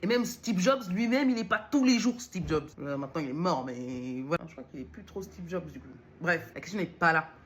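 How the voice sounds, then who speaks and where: A woman's voice: fairly low pitch, expressive, fairly quick, few pauses. A woman from Lyon talking casually to camera as a vlogger and new entrepreneur, rambling and self-mocking as she jumps between topics. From Lyon, France. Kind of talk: casual direct-to-camera talk.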